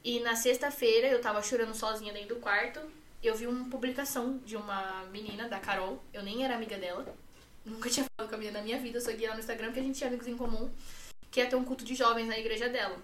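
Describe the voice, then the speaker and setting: A woman's voice: a little high, steady tone, racing, fairly bright tone, reverberant, distant mic, slight background noise. An 18-year-old woman with a Brazilian Portuguese accent, a podcast guest telling a personal story in a run-on way, full of fillers and repeats.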